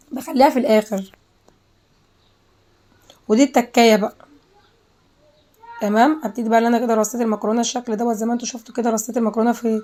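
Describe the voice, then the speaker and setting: Egyptian woman, home cooking host, rapid chatty delivery, slightly high voice. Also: mellow. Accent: Egyptian Arabic. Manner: chatty, repeats herself, addresses viewers directly. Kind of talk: casual cooking tutorial.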